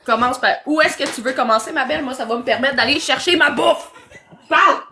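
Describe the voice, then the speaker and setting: A woman's voice: high voice, fast, sharp tone, a little hiss or hum. A woman with a Québécois French accent hosting a live stream, talking casually and encouraging her guest. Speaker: livestream host.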